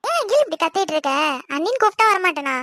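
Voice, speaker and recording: A woman playing a soft-spoken young wife in a cartoon, apologetic and a little bewildered. Her voice is high and runs quick. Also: very animated, dry recording, exaggerated voice. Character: gentle young Tamil wife, sister-in-law. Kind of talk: cartoon voice acting.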